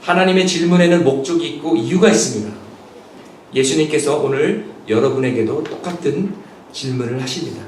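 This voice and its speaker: High-pitched preacher in an echoey church. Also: male voice, brisk, darkish tone, slight background noise. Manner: earnest preaching, acting out quoted voices and questions. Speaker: pastor. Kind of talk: sermon. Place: church sanctuary. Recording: echoey church hall picked up from a distance.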